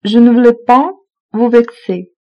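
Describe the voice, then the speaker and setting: A woman slowly reading French phrasebook lines, saying each one twice in an even manner. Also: fairly high pitch, muffled recording. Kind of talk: slow repeated phrasebook reading.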